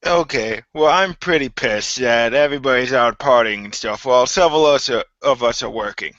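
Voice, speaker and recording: A man's voice: mid-range voice, normal speed, a bit bright, no room sound, highs cut off. A man playing a tabletop role-playing game, talking casually and bluntly, with some swearing. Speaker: player. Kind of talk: tabletop role-play, in character.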